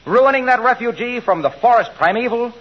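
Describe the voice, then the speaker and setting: A man's voice: very high-pitched, lively intonation, a little fast. An actor playing a hammy, pompous ad man who declaims mock Shakespeare in theatrical 1940s radio comedy style. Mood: indignant. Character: hammy middle-aged male ad man spouting mock Shakespeare. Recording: dull old radio broadcast with hiss.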